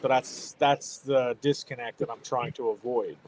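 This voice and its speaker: A man in his thirties hosting a casual chat, telling parenting stories in an animated way. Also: mid-range voice, moderate pace, a little hiss or hum. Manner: animated storytelling with laughs. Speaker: host.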